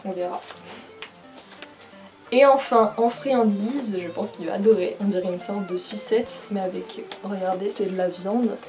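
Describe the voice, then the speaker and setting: A young woman chatting casually as she unboxes a monthly pet box, chatty and full of fillers and excited asides. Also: medium pitch, a little slow, faint music behind. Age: young adult.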